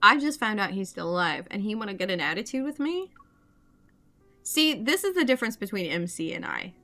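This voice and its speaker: A woman's voice: medium pitch, sing-song, fairly quick, pushed and bright, faint music behind. A woman with a Southern US accent, reading game dialogue aloud and chatting playfully, giggling and swearing as she trips over words. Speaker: game streamer. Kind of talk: casual gameplay commentary and reading dialogue aloud.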